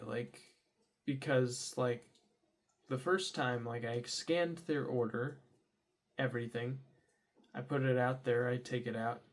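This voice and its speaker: A young vlogger rambles casually through a diary vlog, full of fillers and restarts. Every so often he bursts into loud, high-pitched exclamations.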